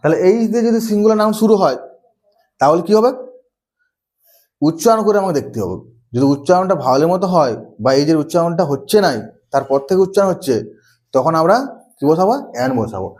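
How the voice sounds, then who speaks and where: Grammar teacher, male, high voice, drills rules with questions he answers himself. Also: lively intonation, fast talker, pauses often, a little mellow. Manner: asks the class questions and answers them himself, repeats key rules. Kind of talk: classroom-style lesson.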